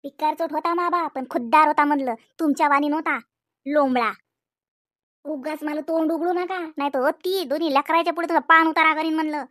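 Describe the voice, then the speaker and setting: A woman playing a shrill, sharp-tongued village mother with a Vidarbha accent. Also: fairly even intonation, brisk, no room sound, clean studio sound. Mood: indignant. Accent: Vidarbha Marathi. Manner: scolding, nagging, repeating "हा?". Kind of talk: cartoon comedy voice acting.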